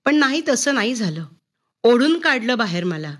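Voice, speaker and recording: High-voiced woman storyteller; expressive first-person narration. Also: normal speed. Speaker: storyteller reading her own story. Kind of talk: storybook reading.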